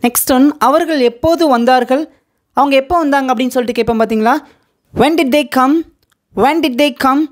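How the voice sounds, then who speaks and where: A woman with a Tamil accent teaching a spoken English lesson, saying each question twice with careful, drawn-out repeats and quicker asides between them. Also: sits high. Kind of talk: slow repeat-after-me language lesson.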